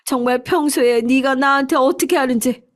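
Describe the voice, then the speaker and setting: A woman reading as a feeble old grandma-type mother, drawn-out slow words, begging softly, worn out and hurt in a storybook tale. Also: mid-range voice, close to an everyday voice. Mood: tearful scolding. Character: frail elderly mother-in-law, pleading and tearful.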